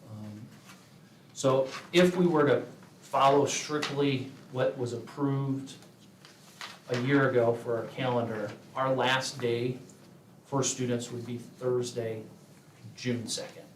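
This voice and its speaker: A man gives a measured meeting report to a school board, with frequent filler pauses. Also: medium pitch, fairly even intonation, slight background noise. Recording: echoey meeting room, voice from far off.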